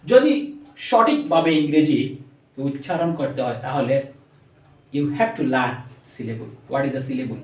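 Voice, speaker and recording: A man with a Bangladeshi accent teaching a spoken English lesson, slowly stretching out words and mixing English into his explanations. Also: medium pitch, animated, a little mellow. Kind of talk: classroom lesson. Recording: echoey room, voice from a distance.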